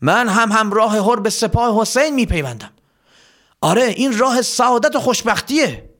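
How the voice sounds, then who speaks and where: A man's voice: sits high, expressive, a bit bright, voice pushed up. A man voicing an admiring, eager male soldier who speaks with enthusiastic resolve, in a told story. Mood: inspired.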